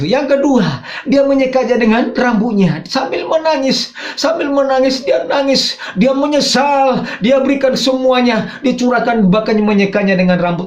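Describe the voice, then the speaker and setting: A man preaching a sermon as pastor, swinging between raised emphatic phrases and low quiet asides. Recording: dull roomy church recording.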